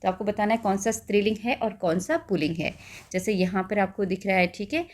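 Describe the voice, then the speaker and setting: A woman teaching a lesson in a patient, steady voice. She keeps checking that her listeners follow along and slows right down whenever she spells out a key word. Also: medium pitch. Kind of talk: explaining a school lesson.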